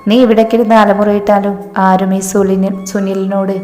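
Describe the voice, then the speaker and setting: A woman's voice: medium pitch, flat delivery, moderate pace, warm tone, close to an everyday voice. Woman voicing a harsh, threatening young husband. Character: abusive bullying young husband. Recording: echoey room, faint music.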